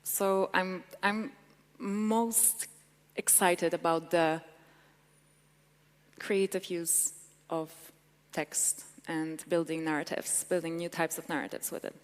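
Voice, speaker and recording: In a large, echoing conference hall, a woman whose first language is Polish delivers a tech talk and takes questions. She speaks slowly in a lowish voice with fairly even intonation, pausing often. Her manner is eager and chatty, full of fillers.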